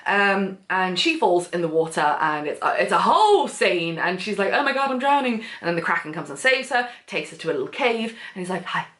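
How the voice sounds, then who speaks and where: A woman chattily recommending books, gushing and full of fillers with big swings in pitch. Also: big pitch swings, brisk, few pauses, a bit bright. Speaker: book vlogger. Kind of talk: casual book recommendations. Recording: echoey room.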